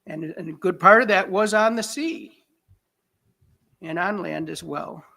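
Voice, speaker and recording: A man's voice: high voice, measured pace, gravelly, sharp tone. A man preaching a sermon as pastor, in a conversational way with chuckles and self-corrections.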